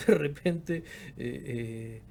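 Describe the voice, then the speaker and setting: Drawing out his words at a medium pitch, with vocal fry and a somewhat mellow quality, a man in his fifties from Patagonia, Argentina, a researcher and professor, speaks reflectively in a casual interview. He often repeats words while searching for them, over slight background noise.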